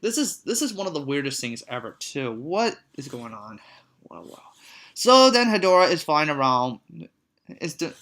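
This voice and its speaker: A casual film recap from a reviewer with a bright, forceful voice at a mid pitch. The talk stumbles and restarts constantly and repeats words. It drifts into disbelieving, amused asides. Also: big pitch swings. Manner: rambling, halting, with many restarts and repeated words; easily amused, reacts with disgust and disbelief. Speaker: movie reviewer.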